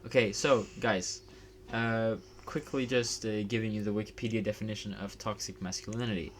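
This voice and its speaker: A man's voice: on the low side, steady tone, moderate pace, a little hiss or hum. A man co-hosting a casual podcast over a voice call, laid-back and joking while he steers the talk. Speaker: podcast co-host. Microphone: voice call over the internet.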